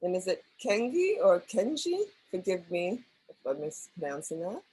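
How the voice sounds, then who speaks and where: A woman facilitating an online workshop who calls on participants gently and apologizes when she gets names wrong. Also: lowish voice, sing-song, moderate pace, breathy edge, poor audio. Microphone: video call microphone.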